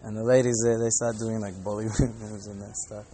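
A man's voice: on the low side, level tone, a little fast, dark tone. A man talking casually and earnestly in a rambling, informal podcast style, telling stories and reflecting. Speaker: podcast host and Hare Krishna devotee. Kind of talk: casual spoken storytelling and reflection. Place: airport departure gate area. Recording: faint airport background noise.

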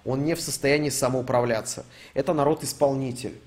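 A man's voice: mid-range voice, fairly even intonation, a little fast, darkish tone. A young man streaming, reading out donations and ranting in a casual, profane, rambling way. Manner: swears a lot, rambling with fillers.

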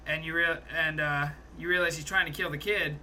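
Bright-voiced young man gushing about a movie. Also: on the high side, a little fast, a little hiss or hum. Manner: animated, swearing, laughs a lot, recounts scenes. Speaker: podcast co-host. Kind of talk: casual movie review chat.

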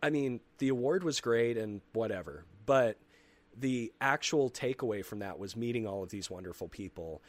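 Male interviewer, easygoing and chuckly, a bit rough-voiced, stumbles through restarts. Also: mid-range voice, lively intonation, no echo. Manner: laid-back, chuckling, halting restarts. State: slightly rough morning-after voice. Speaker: interview host. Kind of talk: casual interview chat.

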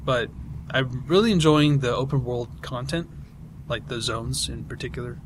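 A man's voice: medium pitch, normal speed, slight background noise. A man from Britain, a podcast co-host chatting casually and enthusiastically about video games, rambling with lots of fillers. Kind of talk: casual gaming chat.

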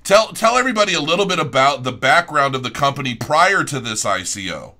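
Host: man, bright and animated, jokey, trips over his words. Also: medium pitch, a little fast. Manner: stammers and jokes, self-deprecating. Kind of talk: live-stream interview.

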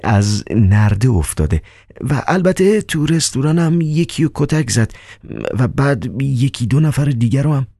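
A man voicing a timid, anxious male poet who stammers in a raised, hushed voice. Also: medium pitch, animated, no room sound, clean studio sound, pitched above the performer's own voice.

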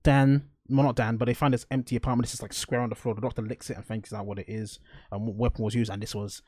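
A man's voice: mid-range voice, little pitch movement, fast talker, a little mellow, no room sound, clean studio sound. A man chatting casually as a podcast co-host, laughing often and restarting his sentences as he recaps an episode. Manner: laughs often, stumbles and restarts, acts out quotes. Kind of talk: casual chat reviewing a TV episode.

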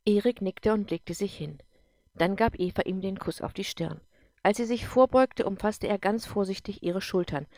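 A woman narrating an audiobook in an even, measured storytelling voice. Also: fairly low pitch, no room sound, studio quality.

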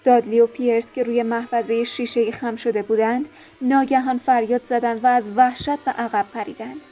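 Woman, audiobook narrator, calm, measured, warm mellow tone, faint music behind. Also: fairly high pitch.

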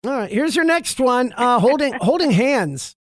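A man's voice: very high-pitched, animated, moderate pace, no room sound. Guy radio host cracking jokes, teasing, dry close mic. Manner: joking, teasing, playful. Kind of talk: casual morning radio banter.

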